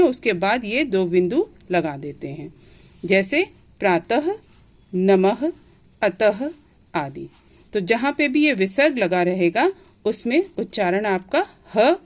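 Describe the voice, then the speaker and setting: A woman's voice: medium pitch, darkish tone. A woman teaching a Hindi grammar lesson, patiently repeating each point and sounding out letters one by one. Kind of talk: classroom lesson explaining letters.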